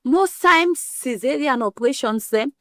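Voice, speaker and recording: A woman's voice: high-pitched, expressive, measured pace, bright, forceful tone, no room sound, clean studio sound. A woman with a West African Pidgin English accent explains things frankly and emphatically in an interview, using everyday comparisons. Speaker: interview guest explaining women's health.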